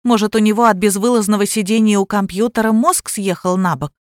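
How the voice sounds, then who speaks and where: A woman tells a story aloud at an ordinary mid pitch. The recording is dry and close, with no room sound. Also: fairly even intonation, a little fast, no room sound. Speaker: audiobook narrator. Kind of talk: audiobook narration.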